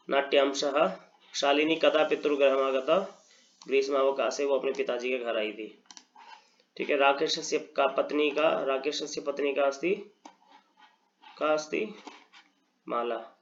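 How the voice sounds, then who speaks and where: A man's voice: mid-range voice, highs cut off. A man, a Sanskrit teacher walking through exam answers, mixing Hindi and English, his throat tired. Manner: mixes Hindi and English, explains step by step.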